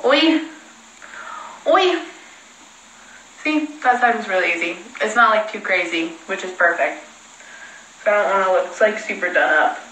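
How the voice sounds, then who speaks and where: A young woman chats through a phone livestream from home. She rambles and pokes fun at herself in a mid-pitched voice. Her voice rings in an echoey room. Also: fairly quick, sharp tone, slight background noise. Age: young adult. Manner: chatty, rambling, self-mocking. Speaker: livestream host. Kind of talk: casual livestream chat. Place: indoors at home.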